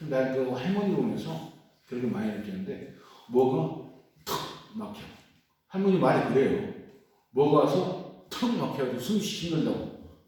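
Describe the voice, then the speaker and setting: A middle-aged man giving a catechism lecture in a church hall, animated and acting out prayers in quoted voices. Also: medium pitch. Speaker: catechism teacher. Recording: very echoey room, voice from far off.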